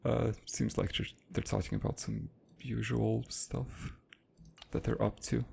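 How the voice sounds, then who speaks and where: Gravelly low-voiced gaming commentator. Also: male voice, flat delivery, unhurried, darkish tone, slight background noise. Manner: rambling, thinking aloud, reading on-screen text. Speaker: gaming let's-play host. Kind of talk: casual game commentary.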